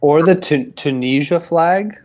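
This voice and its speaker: A man running a tabletop game over a video call from home, talking fast with many restarts and fillers. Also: a little high, darkish tone. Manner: quick, halting talk with many restarts and fillers. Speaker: game master. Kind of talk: casual chat and game narration on a live stream. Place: home in Halifax.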